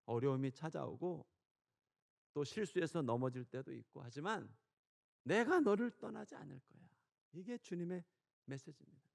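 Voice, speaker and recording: A man, a pastor, preaching a sermon, swinging between loud preaching and soft storytelling. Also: medium pitch, gravelly.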